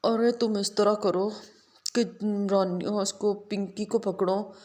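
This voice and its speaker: A woman's voice: mid-range voice, steady tone, slow pace, darkish tone, natural voice. A woman voicing a stern but caring doll father who fusses over his children in a doll story. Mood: busy.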